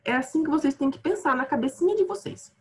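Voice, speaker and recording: A woman from Brazil teaching grammar online in a chatty, self-deprecating way, with a slightly high voice. She sounds tired, and her voice often trails off quietly as she works through the lesson. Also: expressive, quick pace.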